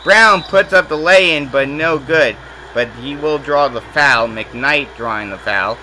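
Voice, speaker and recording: Bright-voiced man calling basketball play-by-play. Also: medium pitch, poor audio. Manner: rapid play calling that rises sharply on made shots. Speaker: play-by-play announcer. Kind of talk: simulated basketball play-by-play commentary.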